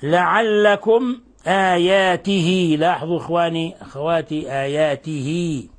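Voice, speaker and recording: An older man teaching Quran recitation rules, explaining patiently and reciting verse examples slowly and drawn out. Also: a little high. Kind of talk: tajweed lesson with recited examples.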